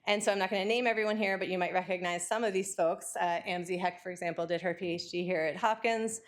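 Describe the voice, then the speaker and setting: A woman giving an academic lecture, talking quickly and excitedly with frequent fillers and restarts. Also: on the low side.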